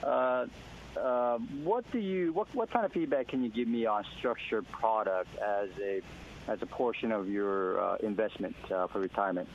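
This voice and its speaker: A man's voice: on the low side, normal speed. A male caller on a clipped phone line, politely asking a radio show a hesitant question with many fillers. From Mississippi. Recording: muffled phone line with faint hiss.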